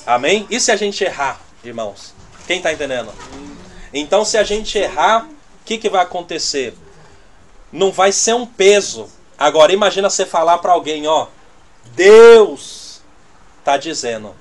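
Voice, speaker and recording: A man teaching a church congregation in a conversational way, often checking that his listeners understand, his loudness swinging from quiet asides to emphatic bursts. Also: high voice, expressive, normal speed. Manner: conversational, checks the audience with constant "né?" and "tá entendendo?".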